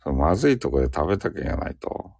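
A man's voice: a bass voice, very animated, quick pace, gravelly, darkish tone, breathy edge, no room sound, studio quality. A man with a Fukuoka accent chatting casually and ramblingly on a solo live audio stream, joking at his own expense. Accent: Fukuoka dialect. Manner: rambling, joking, self-mocking.

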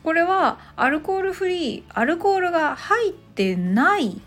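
A woman in her thirties hosting a casual spoken English lesson, explaining slowly and chattily with many small fillers. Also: very high voice, big pitch swings, a bit bright, soft background music. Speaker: English teacher and podcast host.

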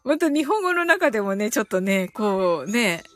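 A woman hosts a casual, chatty livestream English lesson, teaching phrases and reading out listeners' comments while often giggling. Her medium-pitched voice is very animated and a bit bright, at a moderate pace. The recording has no echo, with faint music in the background.

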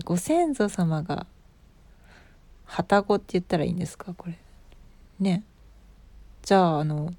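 A woman's voice: on the low side, mellow, no echo. A woman in her thirties with an Osaka accent, hosting a casual live stream, chatting about listeners' comments and laughing often. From Osaka, Japan. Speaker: livestream host.

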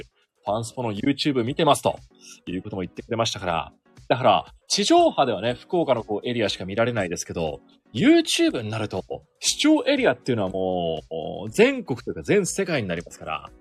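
Here a thirty-something sports announcer chats on his own podcast, radio-style, poking fun at himself as he discusses his work. His pitch is medium, and the recording has no room sound.

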